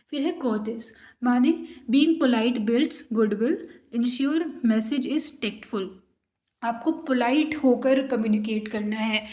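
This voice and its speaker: A woman giving a university lecture, explaining each point step by step and reading out English points slowly. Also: on the high side, dark tone. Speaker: teacher. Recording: echoey room.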